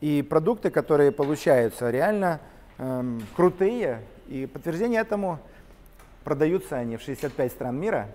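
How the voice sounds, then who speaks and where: A middle-aged man, a company co-founder, telling his story in an interview, lively and gesturing as he walks through large factory halls. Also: fairly high pitch, normal speed, in a large hall. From Ukraine. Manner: animated, gesturing while walking and talking. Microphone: camera-mounted shotgun mic.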